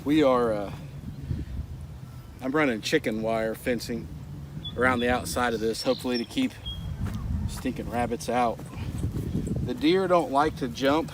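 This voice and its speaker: A man's voice: medium pitch, a little slow, long pauses, noisy background. A man vlogging casually outside in his garden, slightly out of breath and chatty with lots of fillers. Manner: chatty, excited, loose with fillers. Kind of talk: casual chat. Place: outdoors in a rural garden.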